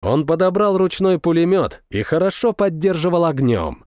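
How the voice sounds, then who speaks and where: A man narrating a first-person war story as an audiobook, reading with expressive, dramatic delivery. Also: on the high side, moderate pace, no echo, clean studio sound.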